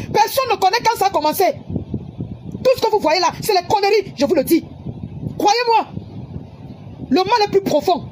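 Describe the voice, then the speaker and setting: A high-pitched woman rants heatedly into her phone camera, scolding her audience and repeating her points. Loud background ambience and passing traffic fill the recording. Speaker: social media personality. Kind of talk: angry livestream rant.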